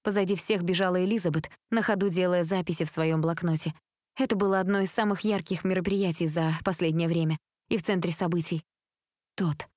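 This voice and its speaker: A woman narrating a teen novel as an audiobook in a steady, even storytelling manner. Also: lowish voice, fairly quick, dry recording, clean studio sound. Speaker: audiobook reader. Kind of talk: scripted narration.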